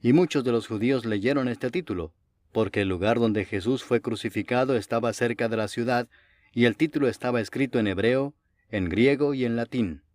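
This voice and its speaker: A man narrates scripture in a steady, even reading voice. His pitch sits in the middle range. The recording is dry and close, with no room echo. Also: normal speed. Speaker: Bible reader.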